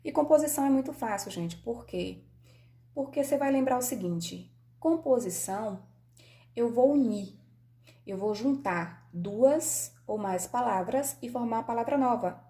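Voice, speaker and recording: A woman's voice: a little high, warm tone. A woman with a Brazilian Portuguese accent teaching a grammar lesson on video, explaining patiently and often checking in with her students.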